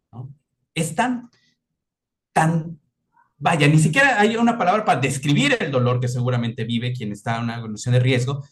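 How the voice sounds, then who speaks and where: Casting: middle-aged man, lecturing, lively pitch, raised voice. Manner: animated, acts out quoted voices. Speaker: mental health speaker. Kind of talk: lecture-style talk.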